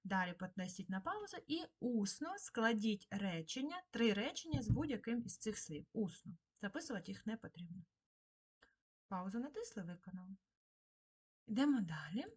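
A woman teaching a recorded remote lesson to schoolchildren, dictating slowly and patiently. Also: mid-range voice, very animated, husky. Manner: slow, patient dictation to children. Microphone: screen-recorded lesson.

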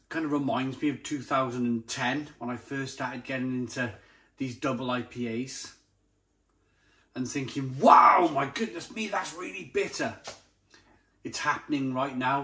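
A beer review channel host with a mid-range, bright voice talks casually and unscripted to the camera at a normal pace. His tone is forceful, and he savours and repeats his descriptive words with enthusiasm.

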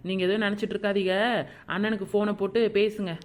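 A woman's voice: mid-range voice, level tone, close to an everyday voice. A woman voicing a blunt, chatty village neighbor in a cartoon, with a Kanyakumari Tamil accent. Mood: soothing. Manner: brisk, blunt.

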